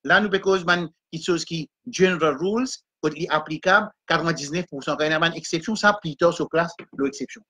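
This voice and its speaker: A man teaching a Quran reading class, slowly sounding out Arabic letters and vowels one by one and mixing French with English and Arabic terms. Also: on the high side, sharp tone. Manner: slow and repetitive, sounding out syllables one by one.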